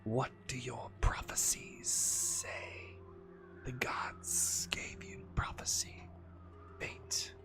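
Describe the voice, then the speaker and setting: Game creature: vast ancient snake. Whispered, hissing, drawn-out delivery, ominous and menacing. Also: male voice, mid-range voice, vocal fry. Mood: mocking, menacing. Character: monumental ancient serpent, menacing world-devourer.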